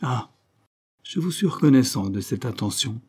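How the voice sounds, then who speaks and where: Guy reading a snooty rushed politician cousin, fake-polite, brushing people off. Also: mid-range voice, animated, warm tone, husky. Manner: affectedly polite, hurried, dismissive. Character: haughty busy male deputy, Parisian cousin.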